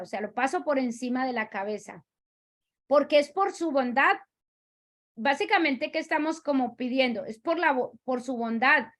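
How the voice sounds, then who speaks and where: A woman teaching a religious lesson, explaining step by step and repeating herself to make each point clear. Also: high-pitched.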